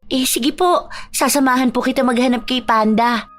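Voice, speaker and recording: An eager teenage girl, polite and earnest, her voice lifted noticeably higher, as a woman puts her on. She sounds keen to help. Faint music plays behind the storytelling. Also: steady tone, normal speed, natural voice. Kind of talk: dramatized storytelling.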